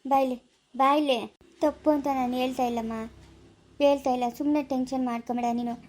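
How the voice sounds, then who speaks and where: A patient husband talks his upset wife down in a calm, coaxing way, played by a woman. The voice is fairly high. It is a homemade family drama skit. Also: brisk, lightly acted. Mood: soothing.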